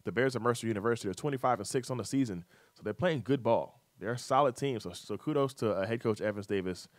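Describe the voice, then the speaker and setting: A man's voice: medium pitch, fast, no echo. A man hosting a casual sports talk radio show, reading out scores and schedules with fillers and teasing his co-host.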